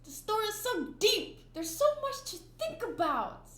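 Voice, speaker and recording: Her voice is very high and bright, very animated and forceful, though her speed stays normal. An anime reaction YouTuber with Afrikaans as her first language, she rambles emphatically through casual commentary, restarting often and filling gaps. The space echoes, and a faint hum runs underneath.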